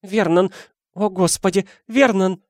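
A man's voice: high-pitched, steady tone, measured pace, no room sound, studio quality, pitched above the performer's own voice. A man reading an audiobook, voicing an anxious middle-aged aunt who speaks in a trembling, frightened voice.

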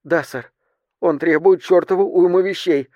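A man voicing a young female flight attendant who reports in a hushed, tense way. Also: sits high, moderate pace, dry recording, voice pushed up, close to an everyday voice.

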